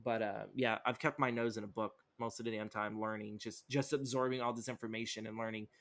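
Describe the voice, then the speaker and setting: A man's voice: on the low side, level tone, a little fast, a bit bright. A young man co-hosting a podcast, chatting casually about what he has been reading, rambling with lots of fillers and swearing. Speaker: podcast co-host. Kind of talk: casual chat.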